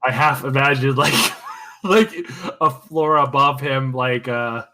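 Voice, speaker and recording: A man co-hosting a movie review podcast in casual chat, animated and laughing often. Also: medium pitch, slow. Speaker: podcast co-host.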